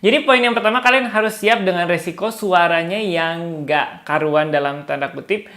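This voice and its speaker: A man's voice: high voice, normal speed, pushed and bright. Chatty man giving a casual guitar lesson. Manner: chatty, refers to himself in third person, chuckles often. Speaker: guitar tutor and seller.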